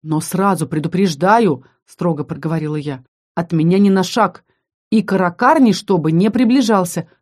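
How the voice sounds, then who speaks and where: A woman's voice: on the low side, moderate pace, a little mellow, natural voice. A woman voicing a stern young warrior woman. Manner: firm, stern. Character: stern young female warrior of a fantasy race.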